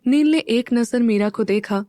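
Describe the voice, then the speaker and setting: Warm-voiced woman narrating an audio story. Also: on the high side, unhurried, no echo.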